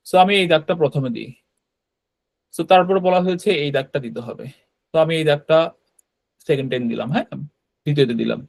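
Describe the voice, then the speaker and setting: Man, fairly high voice, online teacher, patient step-by-step explaining, pauses and fillers. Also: darkish tone. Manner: explains step by step with many hesitations. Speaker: language teacher. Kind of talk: live online class.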